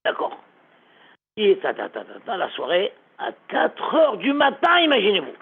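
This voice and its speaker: A man's voice: high voice, wildly swooping pitch, moderate pace, gravelly, slightly rough. A man, a rabbi, teaching a lesson through a dramatic story, repeating words for effect, heard over a tinny phone-like recording.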